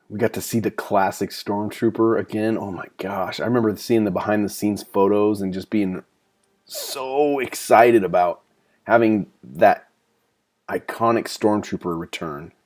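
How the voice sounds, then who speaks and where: A man's voice: on the low side, normal speed, darkish tone. A man talking casually and enthusiastically as he comments on a film while watching it, with frequent fillers. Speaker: movie commentary host.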